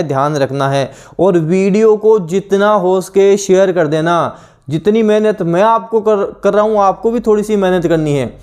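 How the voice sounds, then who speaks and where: A man's voice: high-pitched, darkish tone. A young Indian man teaching an online exam-prep lesson, repeating each answer and asking rhetorical questions. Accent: Indian English. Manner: drilling repetition, rhetorical questions, slow deliberate reading of definitions.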